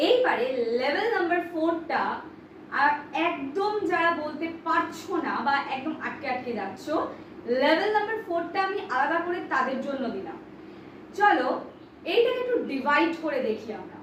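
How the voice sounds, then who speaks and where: A woman with a high voice leads an online spoken English lesson. She drills each phrase slowly and clearly and cheers her students on. Her voice rings around a very echoey room, picked up from some distance away. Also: big pitch swings, a bit bright, a little hiss or hum. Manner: slow, clearly spaced drilling of words; friendly, encouraging to students. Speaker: English teacher.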